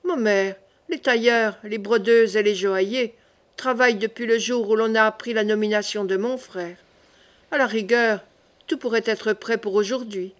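A rash, boastful young king, read by a woman, who talks in bold bursts and mocks freely. The voice sits a little high and lively. It is a plain storybook reading. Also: moderate pace, lightly acted. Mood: confident.

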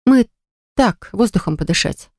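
A woman voicing a determined young heroine who speaks firmly and calmly. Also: mid-range voice, a little slow, no room sound, studio quality. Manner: firm, unruffled.

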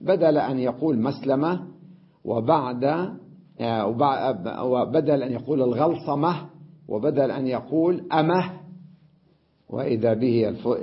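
A man teaching Arabic grammar in a classroom lecture, explaining patiently, repeating key words and reciting verse slowly. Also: medium pitch. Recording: dull lo-fi lecture recording.

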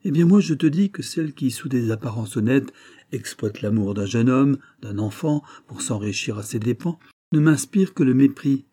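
A man's voice: medium pitch, animated, normal speed, dark tone, slightly rough, no room sound, pitched above the performer's own voice. A man voicing a vain, blustering older banker who lectures his son in a familiar, exasperated tone. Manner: familiar, then scolding and exasperated.

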